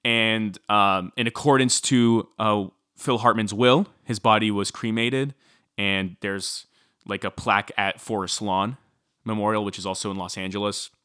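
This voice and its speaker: A man's voice: lowish voice, a little slow, clear, resonant tone, no echo, studio quality. A man casually recounting a true-crime story as podcast co-host, chatty with many fillers. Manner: chatty, filler-heavy, animated when quoting.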